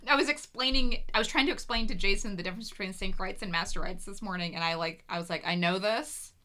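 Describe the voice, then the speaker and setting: A woman's voice: mid-range voice, quick pace, pushed and bright. A woman co-hosting a podcast in casual chat, chatty and giggly, humming and singing little snippets as she talks. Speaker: podcast co-host, playwright.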